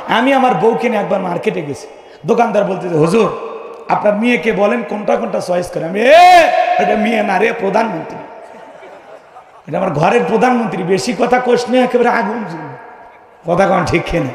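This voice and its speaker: Male preacher with a regional Bangladeshi accent, high voice, humorous sermon delivered to a live crowd, alternating shouted lines and quiet asides. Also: roomy sound, big-room sound. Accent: regional Bangladeshi dialect. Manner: calls out to the audience for replies; breaks into chanted, sung lines.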